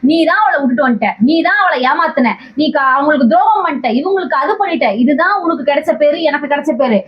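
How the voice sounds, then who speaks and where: A woman's voice: high-pitched, lively intonation, fast talker. A woman vlogger in a heated confrontation, pleading and accusing, who keeps repeating the other person's name. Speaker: vlogger in a staged argument. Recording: dull lo-fi sound.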